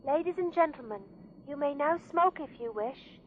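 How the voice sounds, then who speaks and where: A woman's voice: high-pitched, expressive, moderate pace. A woman making polite, formal cabin announcements over a plane's intercom. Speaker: flight attendant. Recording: tinny intercom with faint noise.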